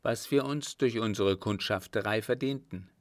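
A man's voice: lowish voice, moderate pace, dry recording, studio quality, natural voice. A man reading an earnest young lover. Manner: earnest, determined.

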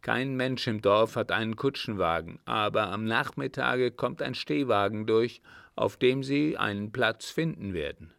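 A blunt village innkeeper with short, dismissive answers, as a man reads him. His voice is low and gravelly and slowly paced, with a dry sound. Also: a bit bright, dry recording. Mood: curt.

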